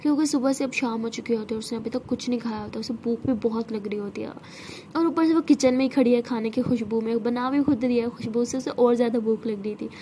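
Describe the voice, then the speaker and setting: A woman telling a love story in a chatty, relaxed way. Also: a little high, fast, a little hiss or hum. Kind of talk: casual story narration.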